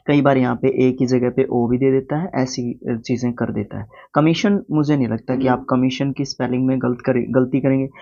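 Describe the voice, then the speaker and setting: A man's voice: medium pitch, a little mellow. A man with an Indian accent teaching English spelling in a casual Hindi lesson, spelling words out letter by letter and asking the viewer questions. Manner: asks the viewer questions, then answers them. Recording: slightly dull, lo-fi recording.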